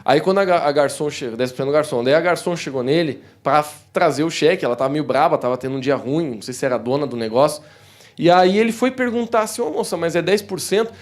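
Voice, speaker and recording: A young man preaching to his congregation in a church hall, with a southern Brazilian accent. His voice sits a little high for a man, and he talks to the room in a warm, chatty way. When he tells a story he acts out the voices in it. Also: lively intonation, quick pace. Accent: southern Brazilian Portuguese. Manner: warm, conversational preaching, addressing the congregation as "queridos". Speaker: pastor. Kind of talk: sermon.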